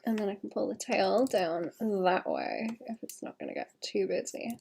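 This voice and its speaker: A young woman livestreams a commission as a digital artist, thinking aloud while she sketches. Her mid-range voice is gravelly and hoarse, with wildly swooping pitch at a normal speed, and she seems to be holding back a cough. She chats casually, corrects herself often, and fills her talk with "like"s and soft laughs.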